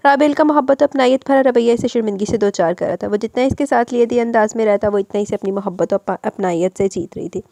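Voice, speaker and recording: A woman narrating a romance novel in a steady, expressive reading. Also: fairly high pitch, fast, creaky, hardly any pauses, no room sound. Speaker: audiobook narrator.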